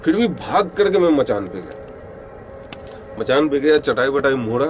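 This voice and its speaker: A man tells a ghost story in the first person, in a rustic, halting style. His voice sits at an ordinary pitch and often sinks to a hushed murmur. A faint hiss runs under the recording. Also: sing-song. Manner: rustic storytelling, many pauses, some quoted lines spoken low and hushed.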